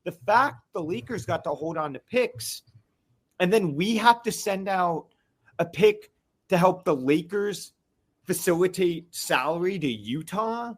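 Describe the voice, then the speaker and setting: A man's voice: high voice, animated, unhurried, husky. Fired-up man venting in rambling bursts. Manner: fired-up, rambling, many restarts and fillers. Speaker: caller on a live fan podcast. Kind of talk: casual venting chat.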